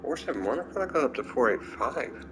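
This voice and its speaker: A man's voice: mid-range voice, expressive, quick pace, noisy background. Sleepy man musing over a game. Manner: thinking aloud, trailing off and restarting. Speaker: gameplay streamer. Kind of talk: casual gameplay commentary.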